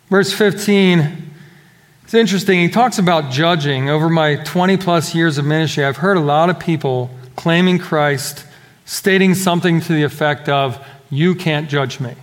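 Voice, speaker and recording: High-pitched male preacher through a face mask, echoing hall. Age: middle-aged. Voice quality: slightly muffled, speaking through a face mask. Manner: earnest, emphatic, swinging between raised exhortation and quieter explanation. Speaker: pastor preaching to a congregation. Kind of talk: sermon. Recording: long hall reverb of a live service.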